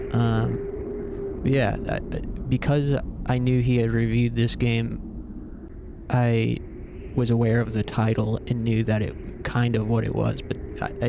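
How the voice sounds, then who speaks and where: Male streamer, gravelly, flat delivery, casual gameplay chat and read-outs. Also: mid-range voice, noisy background. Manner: unhurried, slightly hesitant with fillers and restarts. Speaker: game streamer. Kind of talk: casual gameplay commentary, reading in-game journals aloud.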